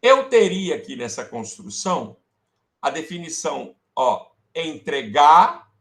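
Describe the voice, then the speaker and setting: A man's voice: on the high side, big pitch swings, measured pace. A male teacher with a Brazilian accent giving an online grammar lesson, often checking in with students and calling them affectionate names. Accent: Brazilian Portuguese. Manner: calls students "amores", checks with "beleza?" and "tá?"; fiddles with slides while talking to himself.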